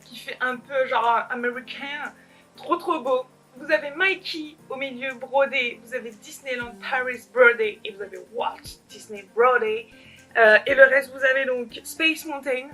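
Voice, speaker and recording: In a casual haul video shot alone at home, a young woman giggles and wanders off on tangents while poking fun at herself. She speaks in a high voice, a little slow, pushed and bright, with faint music behind her.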